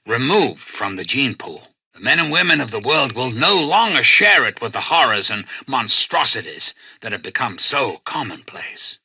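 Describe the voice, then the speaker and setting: An older male actor playing a courteous, manipulative computer president in a video game, speaking in a measured, formal, persuasive and faintly condescending way. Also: medium pitch, sharp tone, breathy edge, no room sound, heavily acted. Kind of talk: video game character dialogue.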